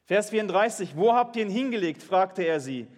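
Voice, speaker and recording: A man with a notably high voice delivers a sermon, reading scripture aloud and explaining it. He speaks earnestly and often turns questions back to his listeners. The sound rings out with a long reverb from a church hall. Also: lively intonation, normal speed. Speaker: pastor.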